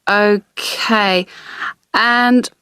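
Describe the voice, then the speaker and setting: A woman's voice: mid-range voice, steady tone, very slow, pushed and bright, clear, resonant tone, dry recording. A woman playing a keen new shop employee, asking polite questions in a scripted listening-test dialogue. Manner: polite, inquiring.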